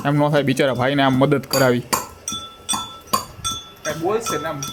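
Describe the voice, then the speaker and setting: A chatty man, talking to camera at home in a family vlog. His voice sits a little high for a man, and he keeps teasing as he goes. Dishes clatter behind him over a noisy home recording. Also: steady tone, normal speed. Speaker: vlogger. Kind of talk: casual family vlog talk.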